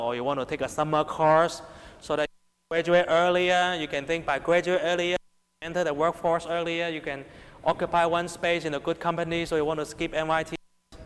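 In a hall with long reverb, a man with a Hong Kong Cantonese accent delivers a sermon to young people. His voice is on the high side and a bit bright, and his emphatic delivery rises and falls, punctuated by rhetorical questions and repeated check-ins with the audience.

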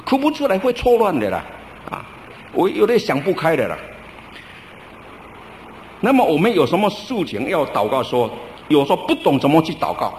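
A middle-aged male pastor preaching a sermon in a relaxed, storytelling way, drawing out his sentence-end particles. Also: mid-range voice, a little hiss or hum. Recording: roomy church recording with faint ambience.

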